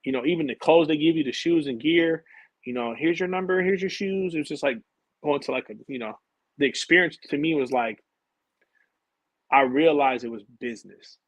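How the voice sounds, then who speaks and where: A man's voice: on the high side, normal speed, no echo, lo-fi sound. A man in an interview, telling his own basketball stories in casual slang and acting out his past conversations. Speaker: interview guest, former college and pro basketball player.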